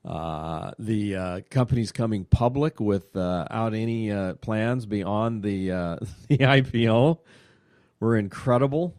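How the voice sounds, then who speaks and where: A man hosting a radio show, chatting in a casual way, excitable and full of fillers. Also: lowish voice, slow, no echo, clean studio sound. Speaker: radio show host and money manager.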